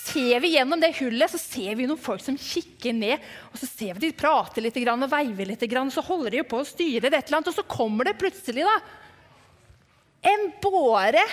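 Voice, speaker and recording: A woman telling a Bible story to children as if she had seen it, lively and dramatic, dropping to hushed whispers for suspense. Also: high voice. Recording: long hall reverb.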